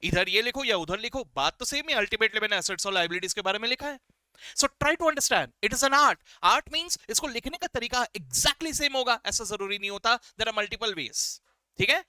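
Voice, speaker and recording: Slow, bright-voiced Hindi accounting teacher. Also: male voice, high voice, expressive, smooth, no echo. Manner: repeats key terms and keeps checking understanding with "ठीक है?"; asks students to chant the definition along with him. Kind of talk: classroom lecture in mixed Hindi and English.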